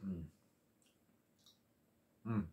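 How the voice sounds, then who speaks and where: A middle-aged man with his mouth partly full, reviewing ice cream in a relaxed, casual way, humming and chewing between words. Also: extremely slow, echoey room, narrow, tinny audio. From Australia. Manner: relaxed, swears casually, chews and hums between bites. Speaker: food reviewer. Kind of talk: casual food review vlog.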